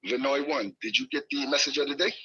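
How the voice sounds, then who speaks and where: A man's voice: medium pitch, fast talker, pushed and bright, husky. A man acting as net control on a two-way radio, speaking in formal radio procedure and spelling letters phonetically. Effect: heard over a two-way radio link. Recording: lo-fi radio audio.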